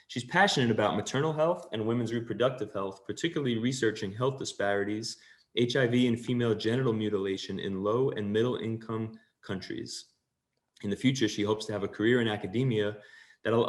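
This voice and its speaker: A man hosting an interview, introducing his guest and asking questions in an upbeat, friendly way. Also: on the low side. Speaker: host.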